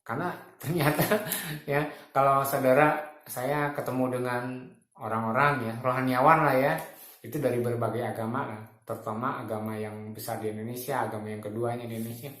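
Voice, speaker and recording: A man's voice: mid-range voice, fairly even intonation, fairly quick, fairly bright tone, echoey room. A man in his fifties giving spiritual reflections in a casual, colloquial way, often chuckling as he makes his points. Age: 50s.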